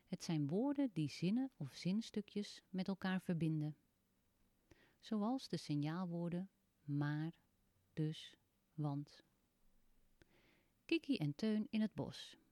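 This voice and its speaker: A woman narrating a reading lesson and reading a children's story in a clear, measured way. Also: lowish voice, dark tone, dry recording.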